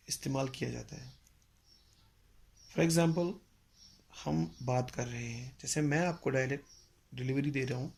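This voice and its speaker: A man teaching a music lesson, explaining slowly and patiently with pauses and mixing in English phrases. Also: a little high, creaky, darkish tone. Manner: mixes English phrases into Hindi. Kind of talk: spoken lecture.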